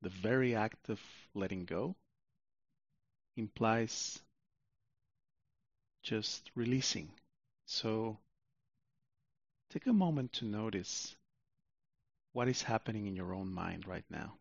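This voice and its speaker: Slow, gravelly man guiding sleep meditation. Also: lowish voice, lively intonation, no echo, highs cut off. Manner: soothing, unhurried, with long pauses. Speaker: meditation guide. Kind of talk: guided sleep meditation narration, like a sleep story narrator.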